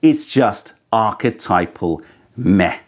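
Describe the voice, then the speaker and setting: Low-voiced and animated, a man in his thirties takes his time as he hosts a casual tea tasting review. He speaks into a lapel mic on an indoor studio set with a sofa, candid and thoughtful, a bit critical.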